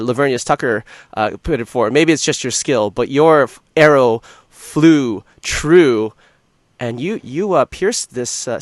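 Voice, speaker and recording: A man acting as game master, improvising narration for a tabletop game in halting, hesitant phrases. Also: mid-range voice, no room sound.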